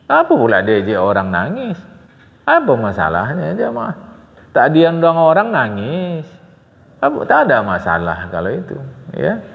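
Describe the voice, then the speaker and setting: An older man lectures a congregation on religion, and his voice sits fairly high. He speaks earnestly, stops often to address his listeners and asks them rhetorical questions. The long hall echo and the dull, lo-fi recording make him sound distant. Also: huge pitch swings, a little slow, creaky. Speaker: religious teacher. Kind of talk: Islamic study lecture.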